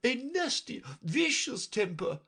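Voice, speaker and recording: A woman voicing a stern, bossy queen who scolds sharply and loudly. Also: on the high side, very animated, takes it slowly, husky, voice pushed up, heavily acted. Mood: imperious scolding.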